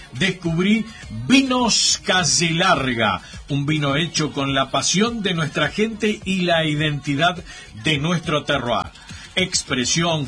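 Bright Argentine radio announcer reading ads. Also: male voice, on the high side. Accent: Argentine Spanish. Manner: emphatic, repeats key details. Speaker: radio co-host and ad reader. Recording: radio broadcast with music bed.

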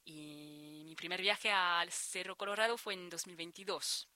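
A French woman in her thirties, a researcher being interviewed, speaks Spanish with a French accent in a conversational interview. Her lowish voice is sharp, fairly even and a little slow, recorded dry, and she hesitates a lot, restarting and repeating words.

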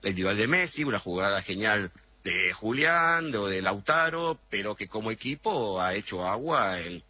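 A middle-aged man explains things at length, hesitating now and then as he works through his point. His voice is husky, with a bright, forward edge. The sound comes through a dull, lo-fi remote line. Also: fairly low pitch, expressive, moderate pace. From Argentina. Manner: thoughtful, explanatory, frequent hesitations. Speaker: interview guest. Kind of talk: radio interview over a remote line.

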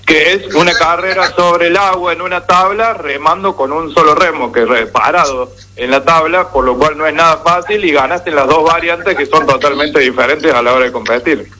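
An Argentine man reporting on radio, explaining things for the audience at length. His voice sits a little high and sounds bright and forceful. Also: moderate pace, hardly any pauses, poor audio. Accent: Argentine Spanish. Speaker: radio journalist. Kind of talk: radio commentary.

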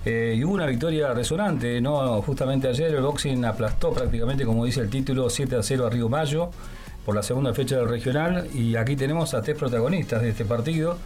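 An Argentine-accented man hosts a sports interview on the radio, chatty and full of leading questions and fillers. His medium-pitched voice is brisk with a darkish tone, and soft music plays in the background.

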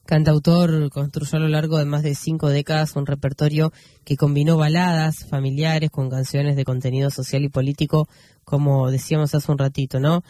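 A male radio host reads news commentary in a mellow, slightly high voice. He talks unhurriedly, pausing on fillers and correcting himself as he goes. The sound is dry and close, with no room around it. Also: little pitch movement, no echo.

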